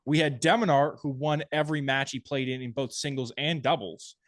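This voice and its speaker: A man's voice: mid-range voice, fairly even intonation, no room sound. Dry-sounding male podcast co-host. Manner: thinks aloud, restarts phrases, measured opinions. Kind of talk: casual sports chat.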